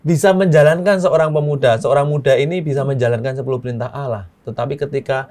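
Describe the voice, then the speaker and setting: Pastor santai bercanda sambil tertawa kecil. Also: male voice, medium pitch, quick pace. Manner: relaxed, chuckling, keeps adding "gitu kan ya". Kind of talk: casual chat, telling a joke then reflecting.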